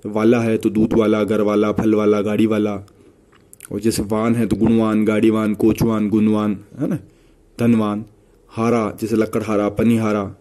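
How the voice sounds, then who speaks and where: A man's voice: lowish voice, monotone, unhurried, dark tone. A man teaching Hindi grammar for an exam, listing example words one after another and checking in with "है ना" as he goes. He speaks Hindi with a Rajasthani accent. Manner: rattles off word lists with repeated "है ना" tags. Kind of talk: exam-prep grammar lesson.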